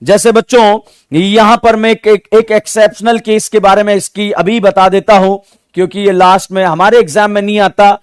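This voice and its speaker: Man, high-pitched, teaching chemistry, call-and-response drilling, repetitive, rhyming memory tricks, dry recording. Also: flat delivery, normal speed, smooth, no room sound. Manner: coins catchy rhyming mnemonics. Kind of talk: exam-prep chemistry lecture.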